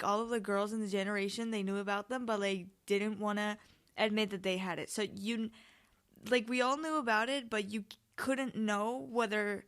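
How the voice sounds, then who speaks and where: A woman's voice: medium pitch, a bit bright. A woman hosting a podcast in a casual, chatty way, telling personal stories in informal, rambling, sweary monologue. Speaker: podcast host.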